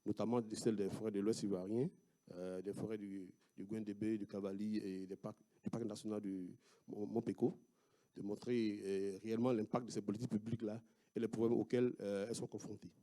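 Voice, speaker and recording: A man with an Ivorian French accent, a sociologist giving an academic talk with slides, speaking haltingly with many fillers and restarts. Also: lowish voice, little pitch movement, dark tone. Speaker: sociologist presenting research.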